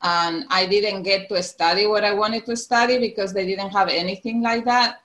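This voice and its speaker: The podcast guest, a woman in her forties from Spain's Canary Islands, has a Spanish accent and a medium-pitched, slightly bright voice with fairly even intonation at normal speed. She laughs frequently and often starts her sentences over in this casual interview.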